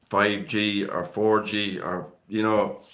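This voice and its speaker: A man's voice: lowish voice, little pitch movement, slow pace, fairly bright tone. A man from Galway with a west of Ireland accent hosting a live stream, chatting casually and reading out viewer comments in a rambling, conversational way.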